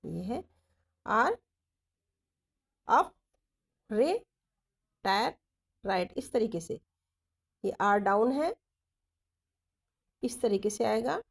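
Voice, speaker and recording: A woman teaching shorthand, going through each letter slowly and repeating the strokes as she writes them. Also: fairly high pitch, lively intonation, vocal fry, husky. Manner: deliberate, repeats letters and directions while writing. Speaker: stenography teacher. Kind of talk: slow step-by-step lesson explaining shorthand strokes.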